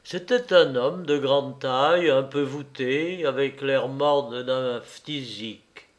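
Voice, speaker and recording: A man narrating a literary story in a measured reading voice. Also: mid-range voice.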